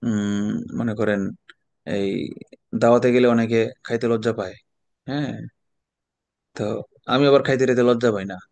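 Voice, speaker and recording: A middle-aged man with a Bangladeshi Bengali accent gives an online exam prep lecture. He is chatty and wanders into stories, dropping English words as he goes. His voice sits at a medium pitch and is recorded close and dry, with no room sound. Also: fairly even intonation, moderate pace, pauses often, darkish tone, no echo.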